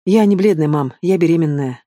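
A man's voice: a little high, brisk, mellow, no echo, clean studio sound, lightly acted. A man voicing a young pregnant woman who answers her mother with bitter sarcasm, in an audiobook.

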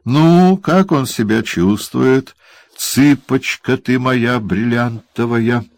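A man's voice: mid-range voice, takes it slowly, darkish tone, dry recording, pitched above the performer's own voice. A man putting on a cruel snarling dwarf. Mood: gloating. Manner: snarling and barking orders. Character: cruel, gleeful male dwarf tormentor. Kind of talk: audiobook character voice.

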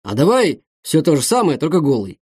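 A man voicing Igor, a calm, unbothered young man with a deadpan delivery. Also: a little high, brisk, breathy edge, no room sound, clean studio sound, heavily acted.

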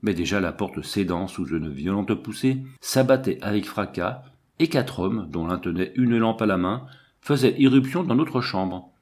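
A man's voice: fairly low pitch, animated, moderate pace, darkish tone. A man reading a first-person story aloud as an audiobook narrator. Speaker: audiobook reader.

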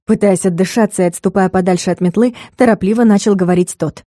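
Woman reading a fantasy audiobook, mellow voice, dry close mic. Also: medium pitch, fast, no room sound. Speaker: audiobook narrator. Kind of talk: scripted fantasy narration.

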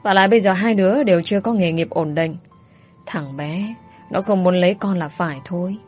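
A woman's voice: on the low side, a little mellow, slightly rough, soft background music. A woman doing a bossy scolding mother. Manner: scolding, brisk. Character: older mother, bossy, scolding, scheming matchmaker.

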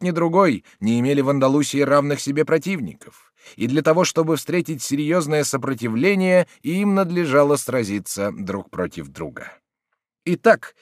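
Give me a man narrating a classic adventure audiobook, expressive, close and dry. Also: on the high side, no echo. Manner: expressive, dramatic reading. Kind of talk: scripted narration.

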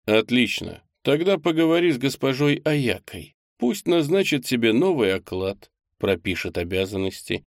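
A man voicing a confident male boss in an audiobook, giving brisk, assured orders. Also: mid-range voice, very animated, no room sound, clean studio sound, pitched above the performer's own voice. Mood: commanding. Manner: assured, directive. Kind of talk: audiobook character voice.

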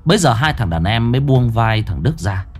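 A man's voice: medium pitch, big pitch swings, brisk, darkish tone, soft background music. Man telling a horror story. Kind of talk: scripted horror story narration.

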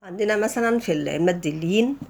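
A woman with an Egyptian Arabic accent teaching a tajweed lesson for beginners, explaining the rules step by step in relaxed colloquial speech. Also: mid-range voice, quick pace. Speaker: Quran recitation teacher.

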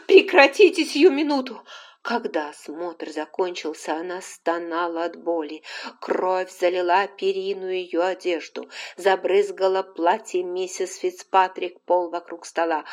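A woman reading a novel aloud as an audiobook narrator, in a measured, calm storytelling manner. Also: lowish voice. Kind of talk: scripted narration.

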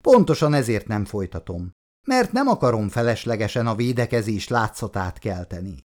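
A defensive young man , as a male reader plays him, justifying himself in an injured, self-righteous tone. A storybook voice whose pitch rises and falls in lively swings.

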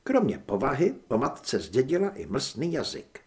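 Lively male audiobook narrator. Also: mid-range voice. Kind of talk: scripted narration.

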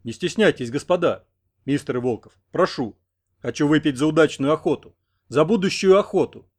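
A man's voice: on the high side, lively intonation, moderate pace, pitched above the performer's own voice. A man reading an audiobook, voicing a brash, pompous American man who talks in effusive, flowery phrases. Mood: boastful.

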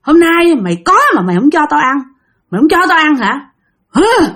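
A woman's voice: fairly high pitch, very animated, fairly quick, vocal fry, fairly bright tone, exaggerated voice. Woman voicing a snarling old demon woman. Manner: hostile, taunting, huffing.

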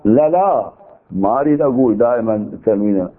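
A man's voice: medium pitch, expressive, quick pace. Man lecturing with an Iraqi accent, tinny sound. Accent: Iraqi Arabic. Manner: argumentative, poses rhetorical questions. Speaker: seminary teacher. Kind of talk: lecture on legal theory. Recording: tinny narrow-band recording.

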